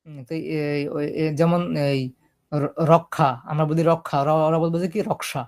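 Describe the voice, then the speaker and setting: A man's voice: a little high, level tone, moderate pace, darkish tone, clear, resonant tone. Man teaching typing. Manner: explains step by step, often checking "ঠিক আছে?". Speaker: computer typing instructor. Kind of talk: screen-recorded typing lesson.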